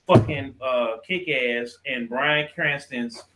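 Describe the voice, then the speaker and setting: An American podcast host debates movies and games casually, swearing and using slang, arguing, cutting in, and repeating himself for emphasis. His mid-range voice is slow and fairly bright, on a rough recording.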